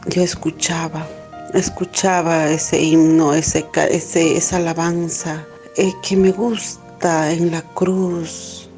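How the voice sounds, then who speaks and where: A middle-aged woman telling an emotional personal testimony, halting and repeating words, with many filler questions. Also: low voice, flat delivery, a little mellow, soft background music. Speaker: testimony giver.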